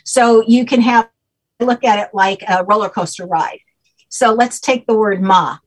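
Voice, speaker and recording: The recording is poor, and the woman's mid-range voice sounds slightly rough as she speaks a little slowly. A guest teaching a name system, she explains at length and patiently makes sure she's understood by repeating "okay?"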